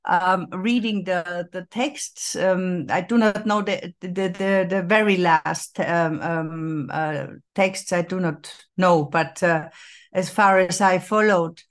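Woman on a debate panel, slow and halting, keeps searching for words. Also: lowish voice, steady tone. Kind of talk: live policy debate remarks.

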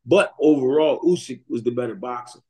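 A man's voice: medium pitch, brisk, dark tone. A man, a guest on a podcast, explaining things plainly in casual conversation. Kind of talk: casual interview chat.

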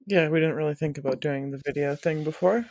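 A man's voice: a little high, fast talker, a little mellow, dry recording. A man co-hosting a podcast from home, chatting casually and tossing in dry quips. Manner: dry quips, laughs along. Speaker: podcast co-host. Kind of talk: casual chat. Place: home, recording remotely.

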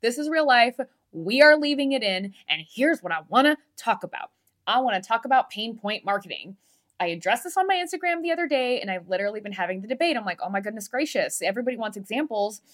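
A woman with a lisp hosts a candid solo podcast as a marketing coach, talking frankly, emphatically, and conversationally while swearing freely. Her voice is a little high and a bit bright, expressive, and she talks fast.

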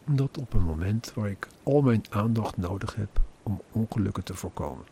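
A man's voice: on the low side, lively intonation, normal speed, gravelly, dark tone, a little hiss or hum. A man earnestly narrating his own experiences in a personal account, with an indignant edge.

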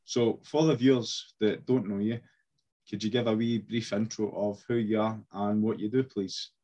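A man's voice: lowish voice, fairly even intonation, normal speed, mellow, highs cut off. A man hosting an interview, asking casual questions and giving short encouraging replies. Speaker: interview host.

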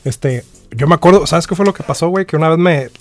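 Dude, kinda high voice, joking and cussing in spanglish, bit of music behind. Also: male voice, quick pace. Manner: slangy, profane, joking. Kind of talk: casual bilingual banter, switching between English and Spanish.

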